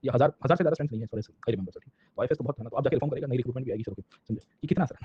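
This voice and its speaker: A history teacher with an Indian accent lectures exam students informally, mixing Hindi with English and often checking in with short tags. His husky, rough-edged voice is mid-range, dark and rapid-fire, on a dry, dull, lo-fi lecture recording.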